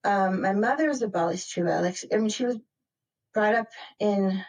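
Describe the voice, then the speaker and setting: A woman's voice: mid-range voice, normal speed, darkish tone, dull audio. A woman from Maryland speaking as a podcast guest in a casual interview, reflective and rambling, full of "like" and "you know". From Maryland, United States.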